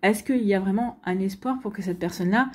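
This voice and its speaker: A woman gives a tarot reading and talks directly to her viewers. Her voice is mellow and dark with a husky edge. She speaks hesitantly, with many fillers and restarts. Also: mid-range voice, fairly quick. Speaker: tarot card reader. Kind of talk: spontaneous tarot reading to camera.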